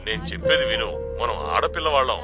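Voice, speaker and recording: A man's voice: mid-range voice, expressive, quick pace, music in the background, natural voice. An actor playing an older grandfather on the phone, fond and anxious, in dubbed film dialogue.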